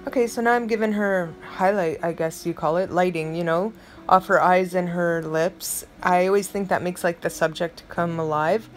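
A woman's voice: fairly low pitch, fairly even intonation, moderate pace. A middle-aged woman giving a casual, rambling voice-over of her art process, chatty and self-admittedly dramatic. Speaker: art vlogger.

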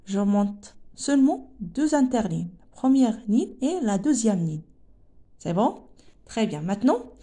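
Calm, mellow woman teacher. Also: a little high, gravelly. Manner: calm, addresses viewers as "mes amis". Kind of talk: handwriting lesson for young children.

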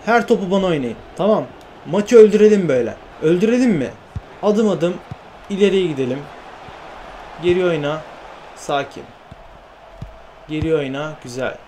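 A man narrating his football video game play in excited, repetitive exclamations. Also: sits high, moderate pace, pauses often, slight background noise. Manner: exclaiming and repeating phrases. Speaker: gaming YouTuber.

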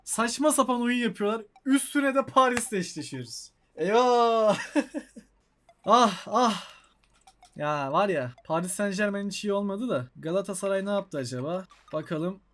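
A man's voice: high voice, a little fast, hardly any pauses. A young man with a Turkish accent giving let's-play commentary on a football video game, breaking into frustrated outbursts at the game. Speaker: gaming YouTuber.

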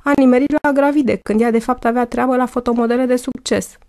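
A woman reading a first-person story aloud in a lively, wry way. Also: on the high side. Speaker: audiobook narrator.

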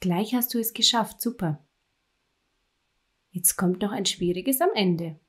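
A woman dictates spelling words to young pupils at a very slow, deliberate pace. Her voice sits at an ordinary middle pitch, and she stresses every word carefully and praises often, like a patient primary-school teacher. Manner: slow, clearly articulated dictation with encouraging praise. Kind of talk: dictation lesson for children.

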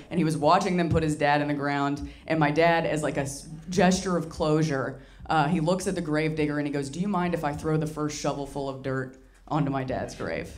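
Into a handheld mic, a young Tennessee woman performs stand-up at a small candy-shop comedy venue before a live audience. Her deep voice stays wry and deadpan, and she slips into mocking voices for the people she quotes.

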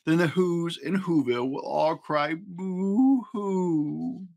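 A man's voice: a little high, takes it slowly, gravelly, a little mellow. A man voicing a sly, spiteful, grumpy monster from a storybook, in a theatrical, slick manner. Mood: gloating. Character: sly, spiteful male Grinch, a grumpy holiday-hating monster.

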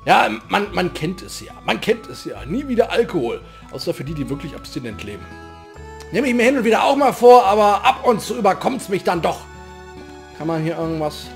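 A man's voice: sits high, sing-song, brisk, creaky. A man doing casual let's play commentary with dry, joking asides. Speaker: let's player. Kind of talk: casual gameplay commentary with dialogue read aloud. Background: game music.

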